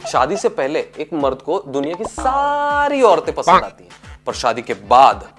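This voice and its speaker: A man's voice: a little high, wildly swooping pitch, unhurried, music in the background. A young man in a scripted comedy sketch, playing a husband and firing off sarcastic one-liners.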